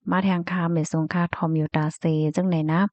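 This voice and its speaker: A woman chatting casually as she reads out news and viewer comments, full of fillers and soft laughs. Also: on the low side, level tone, fairly quick, no echo. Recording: dull, slightly muffled dry recording.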